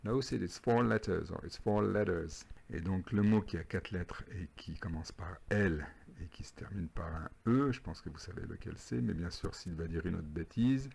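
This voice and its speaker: A male English teacher, going through a homework correction lesson. His voice is very deep, with a gravelly fry and a husky edge. He patiently repeats phrases slowly. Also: a little mellow.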